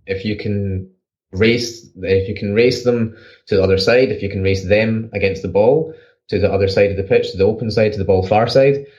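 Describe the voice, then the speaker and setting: A man co-hosting a podcast, explaining football tactics in rapid bursts with frequent restarts. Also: low-pitched, a little mellow, lo-fi sound. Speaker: podcast co-host, football analyst. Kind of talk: casual analytical chat.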